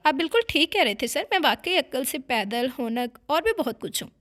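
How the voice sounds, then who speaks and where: A woman's voice: high voice, sing-song, a little fast, fairly bright tone. A woman narrator voicing a flustered, talkative young woman secretary in a romance story read aloud.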